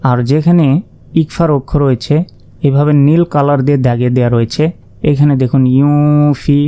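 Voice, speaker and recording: A man teaching Quran recitation, slowly spelling out Arabic letters and vowel marks one by one and now and then chanting verses with stretched-out sounds. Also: on the high side, fairly even intonation, dark tone, smooth.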